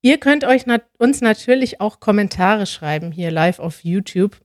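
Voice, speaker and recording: A woman hosts a live podcast in a casual, lively and friendly way. She speaks close to the microphone, and the sound is dry, with little room echo. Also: medium pitch, moderate pace. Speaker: podcast host. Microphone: close studio mic.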